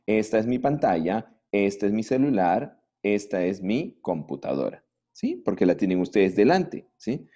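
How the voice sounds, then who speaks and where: Slow, lively male english teacher. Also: fairly low pitch, slightly rough. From Peru. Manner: slow, drawn-out model pronunciation with questioning tags. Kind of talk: online classroom lesson. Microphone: computer mic.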